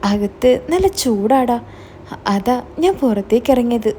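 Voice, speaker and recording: A woman's voice: on the high side, lively intonation, measured pace, dark tone, a little hiss or hum. A woman voicing a flustered middle-aged mother who stammers out hesitant excuses.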